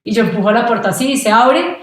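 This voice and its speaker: A woman's voice: a little high, fast talker. A young Colombian woman, a podcast guest, telling a travel story in casual conversation and acting out the voices of people she met. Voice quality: animated, acts out quoted voices. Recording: very echoey room.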